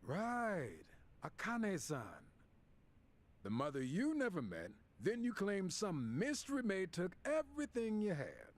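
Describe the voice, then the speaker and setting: A man's voice: high-pitched, wildly swooping pitch, measured pace, heavily acted. An actor playing a corrupt, sneering police officer in a video game cutscene, mocking and gloating as he frames a suspect, with game music behind. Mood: interrogating. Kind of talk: game dialogue acting. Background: game music score.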